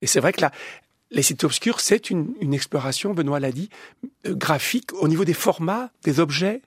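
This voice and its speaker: A man's voice: a little high, lively intonation, normal speed, husky, no room sound, studio quality. A man from Belgium, a comics author answering interview questions, searching for words with many restarts and repeated words. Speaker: comics artist guest.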